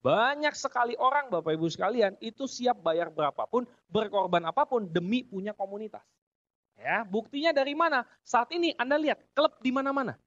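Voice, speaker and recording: A man's voice: very high voice, expressive, a little fast, fairly bright tone, no echo. A middle-aged man from Indonesia giving a motivational business talk to an audience, joking and chuckling at his own punchlines. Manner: addresses audience as "Bapak Ibu sekalian". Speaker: business seminar speaker. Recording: dry, dull lo-fi audio.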